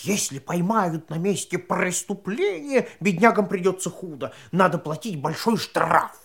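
A woman's voice: lowish voice, unhurried. A woman playing a talking raven, a fussy, wise companion who tells the story expressively in an audio drama. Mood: chatty storytelling. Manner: expressive, chatty, admonishing.

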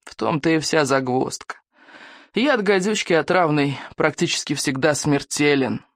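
A man voicing a frail, gloomy old male elder with a creaky, wavering voice who frets over bad omens. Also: a little high, normal speed, no room sound, lightly acted. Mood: hushed, grim.

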